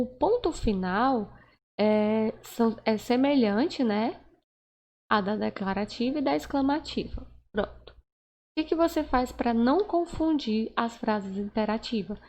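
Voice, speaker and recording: Brief: woman teacher, slow careful delivery, fry in the voice, keeps checking that students follow. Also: on the high side, a little mellow. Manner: slow, patient, checks in with "né?" and "certo?"; acts out example sentences with raised, stretched intonation. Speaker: Portuguese teacher. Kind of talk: recorded online grammar lesson.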